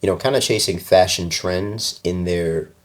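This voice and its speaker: A man who grew up in the UK, a fashion designer guest, telling relaxed stories in casual interview chat, with many fillers and easy laughs. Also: low voice, moderate pace.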